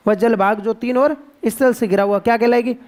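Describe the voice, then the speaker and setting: A man with a Rajasthani Hindi accent teaching geography to a class, playful and quizzing students with drawn-out repetitions. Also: very high voice, fairly even intonation, a little mellow. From India. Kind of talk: classroom lecture.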